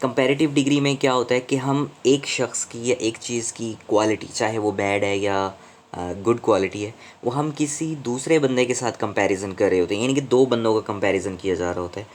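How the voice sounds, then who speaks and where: A man teaching English grammar from slides, explaining slowly and deliberately in Hindi mixed with English phrases. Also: medium pitch, a little hiss or hum. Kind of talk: slide-based grammar lesson.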